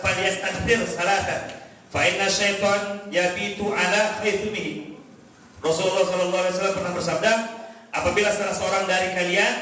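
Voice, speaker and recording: Man preaching, high voice, distant mic in a booming hall. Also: fairly bright tone. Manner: addresses the congregation directly, asks and answers his own questions. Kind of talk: religious lecture. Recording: echoey hall, distant mic, faint noise.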